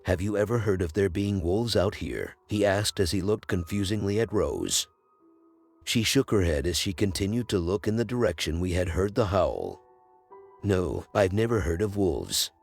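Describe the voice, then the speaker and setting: A man reads a scary story aloud with a very deep, gravelly voice. His delivery is measured but rises and falls with a lively pitch range. Soft music plays faintly behind him. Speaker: horror story narrator. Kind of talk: scripted narration.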